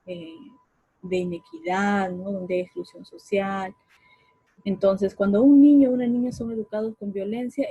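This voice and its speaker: A woman's voice: mid-range voice, mellow, husky, no echo, low-quality recording. A woman giving an informal talk on communication in the family, often tagging her sentences with a questioning "right?" and acting out what parents say to children. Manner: frequent tag questions and fillers; acts out parents' remarks to children.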